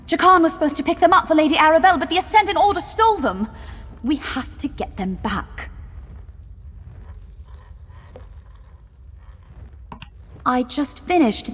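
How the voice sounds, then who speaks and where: An earnest fantasy game enchanter, a woman who speaks formally and urgently, with an indignant edge. Her voice is a little husky and muddied, and it rings in long, cave-like reverb. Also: fairly high pitch. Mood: distressed, indignant. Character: rescued female enchanter, earnest, indignant kidnap victim. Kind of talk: video game voice acting.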